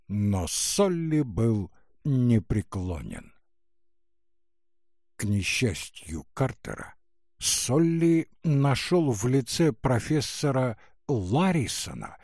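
A man narrating a novel in an unhurried, expressive storytelling manner, recorded close to the mic. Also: medium pitch, dry recording. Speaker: audiobook narrator. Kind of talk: scripted narration.

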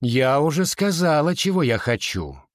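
A man reads a storybook aloud, voicing a cold, commanding, mysterious woman with hidden powers who makes demands. He raises his voice above its natural pitch to a fairly high, very animated delivery at a moderate pace, in clean studio sound with no room noise.

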